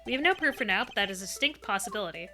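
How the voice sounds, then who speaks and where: A woman voicing a calm, formal male prosecutor in a game playthrough, pitching her voice lower and keeping it measured. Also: over music, lightly acted. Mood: composed.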